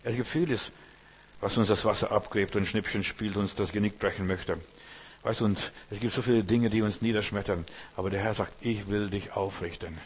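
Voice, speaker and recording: Male preacher, husky voice, pastoral sermon delivery, talks straight to the congregation. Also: lowish voice, steady tone, brisk. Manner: pastoral, addresses listener directly with rhetorical questions; acts out quoted voices of troubled believers.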